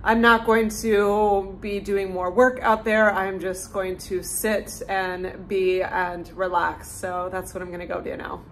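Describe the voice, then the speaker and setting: A woman talks casually to camera in a lifestyle vlog, upbeat and chatty and dropping "like" here and there. Her voice sits in an ordinary middle pitch. A faint hum of outdoor ambience lies under her talk. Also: little pitch movement, a little slow, few pauses. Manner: chatty, upbeat, frequent "like" fillers. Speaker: lifestyle vlogger. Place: home kitchen and outdoor porch.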